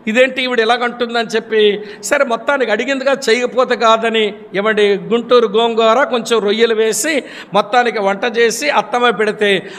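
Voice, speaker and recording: A man preaching a sermon, telling stories and acting out the voices of the people in them. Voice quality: high-pitched, animated storytelling with acted quotes. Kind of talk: sermon with storytelling. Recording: long hall reverb.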